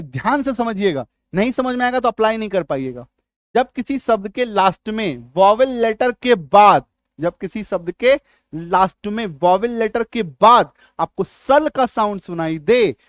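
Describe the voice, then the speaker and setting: Male English tutor, high voice, dry close sound, drags out example words, keeps checking students follow. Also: no room sound. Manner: repeats checks like "आ रही बात समझ में?"; stretches out example words slowly. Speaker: English teacher. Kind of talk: spelling lesson.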